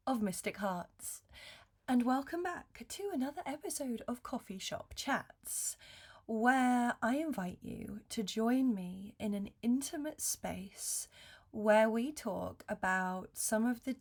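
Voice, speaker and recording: A woman talks to her viewers as a reflective spiritual mentor, in a mid-pitched voice with a hoarse smoker's rasp. She sounds under the weather, with plenty of creak. Her delivery is slow and gentle, with hesitant pauses as she chooses her words. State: recovering from illness, hoarse. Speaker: video host and spiritual mentor. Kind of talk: intimate, reflective chat to viewers.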